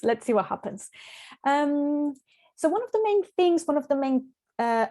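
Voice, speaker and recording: Mellow-voiced woman hosting a reflective workshop. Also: fairly high pitch. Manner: reflective, searching for words, repeats words as she goes. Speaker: workshop host and spiritual coach. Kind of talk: live online workshop talk.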